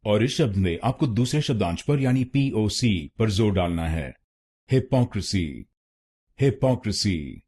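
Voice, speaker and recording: A man with an Indian accent giving a scripted pronunciation lesson, saying each syllable slowly and twice. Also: on the low side, animated, a little mellow, a little hiss or hum. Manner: slow, deliberate, repeats each syllable twice. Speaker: pronunciation teacher.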